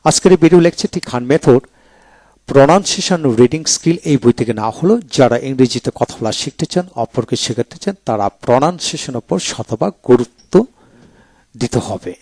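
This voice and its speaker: A man's voice: medium pitch, lively intonation, a little mellow, no echo. Bengali guy teaching english words, spells em then says em again and again, dry mic. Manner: spells words letter by letter, then repeats each word slowly. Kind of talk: video lecture.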